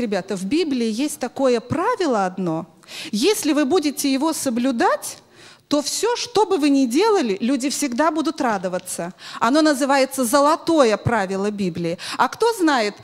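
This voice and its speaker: A middle-aged woman teaching children through an interactive story, expressive and instructive, often putting questions to them, speaking into a handheld microphone in a hall. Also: high-pitched. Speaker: children's Sunday school teacher. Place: large bright church hall with audience of children.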